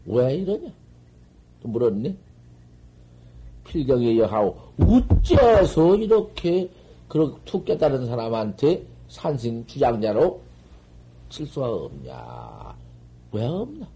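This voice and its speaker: An older man giving a Buddhist dharma lecture on koans, scolding and animated, swinging from loud outbursts to murmurs, on an old 1970s tape. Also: mid-range voice, slow pace, long pauses, low-quality recording. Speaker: Zen master giving a dharma talk.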